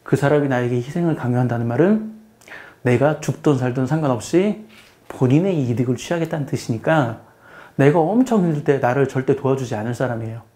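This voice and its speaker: A man's voice: mid-range voice, lively intonation, fairly quick, mellow. A middle-aged man, a math teacher, giving a casual spoken lecture in a plain explaining tone. He often repeats phrases and puts questions to the listener.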